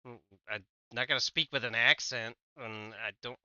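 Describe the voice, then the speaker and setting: A man's voice: medium pitch, fairly even intonation, normal speed, pushed and bright, no echo, lo-fi sound. A man streaming a game, chatting casually with a teammate, swearing often and trailing off mid-sentence. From United States. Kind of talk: casual gaming chat.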